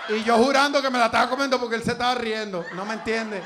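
A man's voice: very high-pitched, fairly even intonation, fast, noisy background. A man with a Venezuelan Spanish accent doing a live stand-up set on a comedy club stage, crude, profane and teasing the crowd.

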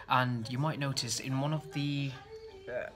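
A man's voice: mid-range voice, fairly even intonation, measured pace. A young man chatting casually to his phone camera in a small hotel room, rambling with fillers and restarts as a travel vlogger. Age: young adult. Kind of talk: casual to-camera vlog chat. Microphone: phone front camera held close.

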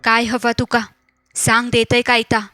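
A woman voicing a calm older village woman who performs rituals, coaxing and soothing, with a Malvani accent. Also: on the high side, unhurried, no echo, faint music behind.

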